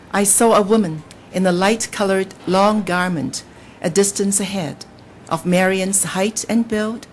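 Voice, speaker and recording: A novelist from Hong Kong, Cantonese her first language, reads a passage from her book and then takes interview questions. Her mid-range voice is measured, turning lively during the reading but hesitant and full of fillers when she talks. There's slight background noise.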